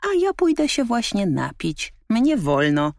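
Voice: mid-range voice, big pitch swings, measured pace, no echo, studio quality, pitched above the performer's own voice. A woman doing a cheeky, mocking raccoon. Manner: teasing, sarcastic. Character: cheeky mocking little raccoon, sly and carefree.

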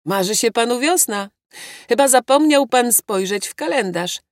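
A woman's voice: on the high side, lively intonation, normal speed, no room sound, clean studio sound, voice pushed up, natural voice. A woman voicing a loyal, bantering male secretary in an audiobook, lifting her voice slightly and speaking cheekily. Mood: teasing. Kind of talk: audiobook character reading.

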